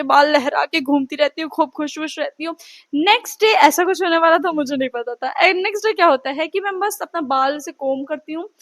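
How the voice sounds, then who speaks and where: A teenage girl telling a personal story in a chatty, dramatic vlog style, acting out what people said. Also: high-pitched. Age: teens. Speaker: vlogger.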